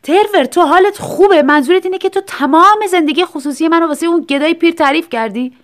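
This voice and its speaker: A woman's voice: medium pitch, natural voice. A woman voicing an easily upset young man who exclaims in protest, in a storybook reading. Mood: indignant. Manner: exclaiming, indignant.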